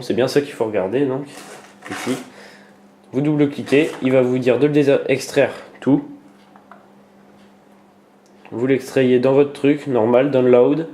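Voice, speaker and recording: A man's voice: medium pitch, mellow. A man talking through a computer tutorial as he works on screen, hesitant and full of fillers and restarts. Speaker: tutorial maker. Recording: echoey room with faint noise.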